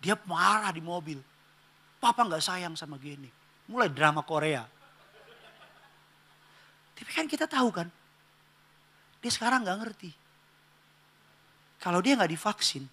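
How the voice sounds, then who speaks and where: Bright, high-voiced animated male pastor. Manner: animated and humorous, swinging from loud exclamations to hushed asides; acts out family dialogue in character voices. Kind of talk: sermon. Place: church.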